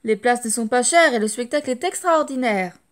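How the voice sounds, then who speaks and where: A woman's voice: a little high, lively intonation, fairly quick, natural voice. A woman voicing a pompous male circus ringmaster making a grand storybook announcement. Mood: solemn boasting.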